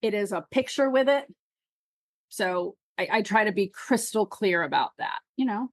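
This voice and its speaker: A woman's voice: medium pitch, moderate pace, no room sound. Friendly Californian woman guest, agreeable, dry close recording. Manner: friendly, agreeable, lots of "yes, yes". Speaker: guest seller. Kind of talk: casual chat on a podcast.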